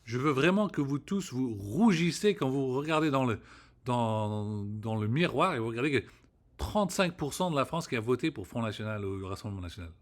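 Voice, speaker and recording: Man, casual vlog rant, rambling and foul-mouthed, mid-pitched voice. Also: lively intonation, normal speed. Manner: rambling, profane, restarts words often. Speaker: vlogger. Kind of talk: casual spoken rant to camera.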